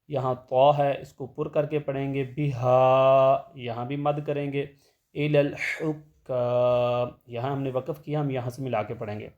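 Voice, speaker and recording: A man teaching tajweed, explaining rules plainly and then reciting verses in a slow melodic chant. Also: mid-range voice, dark tone, muffled recording.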